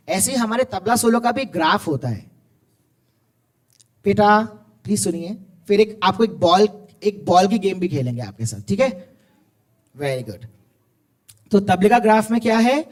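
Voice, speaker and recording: A man with an animated, encouraging manner, teaching tabla to students in a school hall. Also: sits high. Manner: animated, encouraging, recites tabla syllables aloud. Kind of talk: lively school music workshop. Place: school hall with live music.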